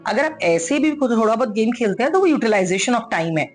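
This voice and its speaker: A woman's voice: fairly high pitch, expressive, fairly quick, a little mellow, faint music behind. A woman giving an earnest, coaxing motivational talk, mixing English phrases into her speech. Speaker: motivational speaker.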